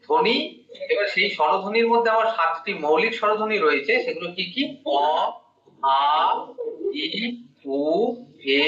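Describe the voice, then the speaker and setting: High, bright-voiced male grammar teacher. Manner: explains step by step, quizzing the student. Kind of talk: one-on-one grammar lesson. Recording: dull echoey room, mic at a distance.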